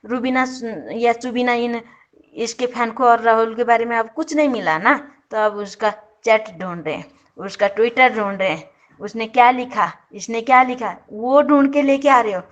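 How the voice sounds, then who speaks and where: A woman's voice: on the high side, moderate pace, highs cut off. A woman giving opinionated casual commentary as a video commentator, sarcastic and indignant, often breaking off and correcting herself. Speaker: YouTube show commentator.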